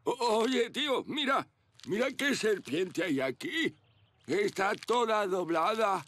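A man voicing a dim, anxious, easily panicked male talking pickle in a cartoon dub, halting and dramatic, with a Castilian Spanish accent. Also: high-pitched, big pitch swings, fairly bright tone, full character voice. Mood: dazed, whimpering.

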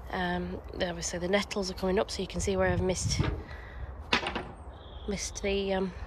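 A woman's voice: on the low side, flat delivery, normal speed. A woman vlogging from her allotment outdoors, chatting casually as she shows her work. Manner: chatty, explaining as she works. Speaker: gardening vlogger. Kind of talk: casual walk-through chat. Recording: noisy outdoor recording. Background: wind and a strimmer.

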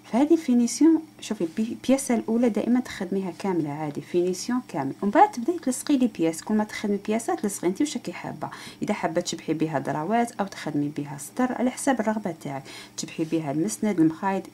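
A woman's voice: medium pitch, animated, racing, mellow, slight background noise. A woman with an Algerian Arabic accent teaching crochet step by step, counting stitches aloud and speaking straight to the viewer. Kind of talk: step-by-step craft tutorial.

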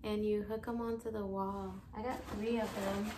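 Showing off her shopping haul item by item, a chatty woman in her thirties vlogs from her living room while a camera films from across the space. She speaks at a moderate pace in a mid-range, level tone; the room echoes and the audio is very noisy.

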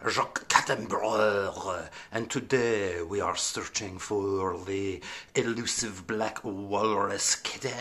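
A man's voice: fairly low pitch, sharp tone, exaggerated voice. A man playing a bumbling, pompous nature-documentary host who keeps fumbling his own name, in a comic parody of a wildlife show.

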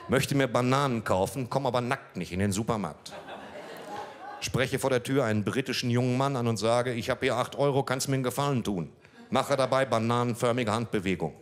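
A middle-aged comedian with a medium-pitched voice does a deadpan stand-up set in a small club. He reads a story from a page into a handheld mic, breaking off at times to chat with the audience.

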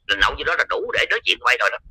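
A man's voice: mid-range voice, very animated, rapid-fire, sharp tone, slightly rough, no echo, low-quality recording. A man with a Southern Vietnamese accent, a lay follower of a religion, giving a heated, coarse, confrontational rant. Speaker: Cao Dai lay follower.

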